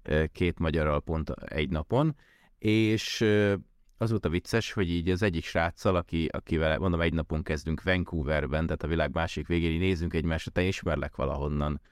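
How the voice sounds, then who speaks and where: A man's voice: low voice, clean tone, no room sound, studio quality. A man from Hungary talking casually as an interview guest, often rephrasing and circling back mid-sentence. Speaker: podcast guest, tech worker who moved abroad.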